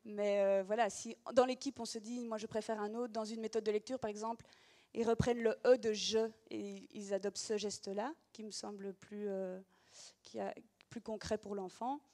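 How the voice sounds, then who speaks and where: A woman's voice: medium pitch, flat delivery, normal speed, mellow. A woman teacher giving an explanatory demonstration of reading gestures, talking patiently with frequent hesitations.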